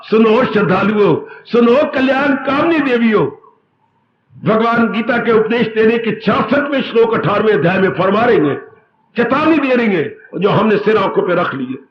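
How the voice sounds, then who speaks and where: A man giving a devotional sermon, telling stories in an animated way and stretching out emphatic phrases. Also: high-pitched, normal speed, slight background noise. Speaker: spiritual teacher. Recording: roomy, dull recording, faint ambience.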